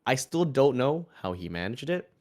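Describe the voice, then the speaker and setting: A man with a raspy voice and a throat still sore from illness, co-hosting a casual podcast chat. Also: mid-range voice, big pitch swings, normal speed, a little mellow. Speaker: podcast co-host.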